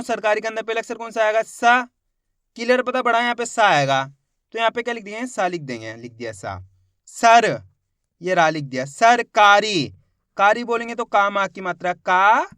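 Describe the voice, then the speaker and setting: Bright, clear-voiced man teaching spelling. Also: high-pitched, dry recording, clean studio sound. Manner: patient, repeats and drags out each word to spell it. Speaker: Hindi reading teacher. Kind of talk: spelling lesson for beginners.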